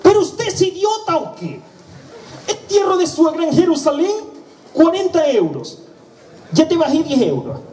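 A man with a Canarian accent voicing a flustered foreign male undertaker who speaks in halting broken phrases. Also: big pitch swings, a little mellow, echoey room, far from the mic, slight background noise, exaggerated voice. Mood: exasperated. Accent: Canarian Spanish. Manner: halting broken speech, shrill exasperation.

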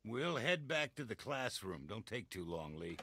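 An actor playing a brisk, practical male survivor in a video game drama, with a businesslike manner. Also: lowish voice, big pitch swings, pushed and bright, slightly rough, exaggerated voice.

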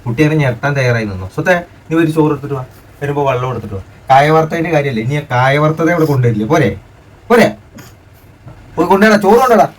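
A man's voice: mid-range voice, racing, recorded from a distance. A middle-aged man playing the joking father in a family comedy skit, scolding and teasing and repeating himself.

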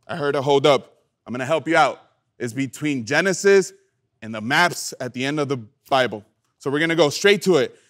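A young man preaching a youth sermon, lively and playful, calling on the audience to answer back. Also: a little high, a little fast. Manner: animated, playful, calls for audience response. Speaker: youth pastor.

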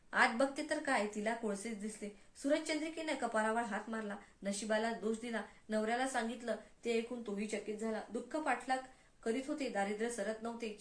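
A woman narrating a devotional folk tale in a measured, expressive storytelling manner. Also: fairly high pitch. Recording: echoey room.

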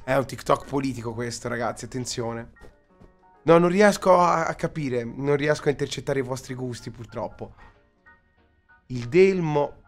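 A man's voice: mid-range voice, normal speed, soft background music. Bemused man streaming casual reactions. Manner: bemused, complaining. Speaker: streamer and host. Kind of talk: casual live reaction commentary. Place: small indoor streaming room.

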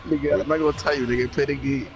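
Laid-back teasing gamer friend. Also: male voice, medium pitch, steady tone, very fast, vocal fry, dull audio, noisy background. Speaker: friend in the game party. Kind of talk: casual gaming chat.

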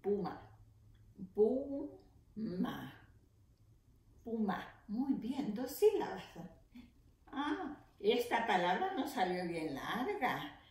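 A woman teacher leading an early reading lesson for young children, slowly sounding out letters and syllables. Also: medium pitch, sing-song, a little mellow. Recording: echoey room.

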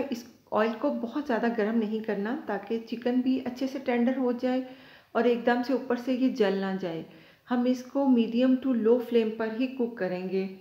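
A woman hosting her own cooking channel, calmly explaining each step of a recipe to viewers from her home kitchen. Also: fairly high pitch, dull audio. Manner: calm, instructive, addresses viewers directly.

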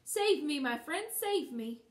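A woman's voice: high-pitched, sing-song, a little fast. Woman playing a little farm girl, impatient, pleading, eager, storybook, echoey room. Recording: roomy and distant.

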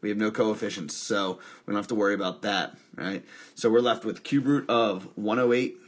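A man's voice: lowish voice, fairly even intonation, moderate pace. A man teaching a recorded math lesson, talking through each step by asking and answering his own questions, with wry asides along the way.

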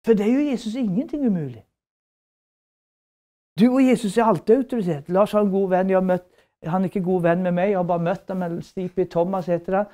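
A woman's voice: fairly low pitch, fairly even intonation, warm tone. A woman giving a preaching lecture at a Bible school, fervent and emphatic, with repeated phrases and rhetorical questions.

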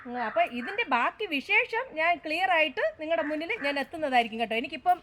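A woman with a high voice and a southern Kerala Malayalam accent chats as she walks on a travel vlog. She repeats her phrases and often turns to viewers with little tag questions. The recording is outdoors, with light noise behind her. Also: animated, fast, sharp tone. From Kerala, India. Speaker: travel vlogger. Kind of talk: casual walking vlog commentary. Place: outdoors, walking through a village and rocky hill.

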